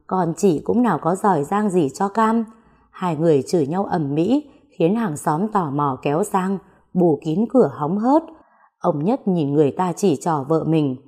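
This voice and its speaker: Story narrator: woman, low mellow husky voice, reads dramatic fiction aloud. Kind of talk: scripted audio story narration.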